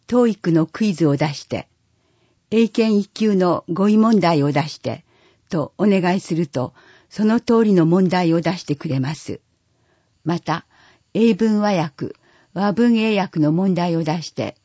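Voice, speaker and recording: A steady, measured voice reads an audio newsletter aloud, dark and a little husky. The recording is dull and lo-fi, with no room sound around it. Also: mid-range voice, dry recording. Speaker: reader of a newsletter for the blind.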